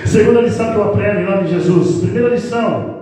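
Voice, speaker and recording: Pastor guy preaching, high-ish voice, far off mic in a big echoey church, music under it. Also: fast talker. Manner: playful, teasing the congregation, acts out family scenes. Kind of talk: lively church sermon. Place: church hall. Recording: roomy hall reverb from a distant mic, music behind.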